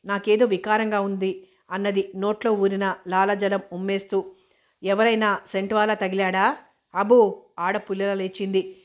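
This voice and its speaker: A woman reads a novel aloud at a middle pitch. Her delivery stays level, with little rise or fall. She keeps a steady narrating pace and sometimes restarts a word. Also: normal speed. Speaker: audiobook narrator. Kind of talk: novel reading.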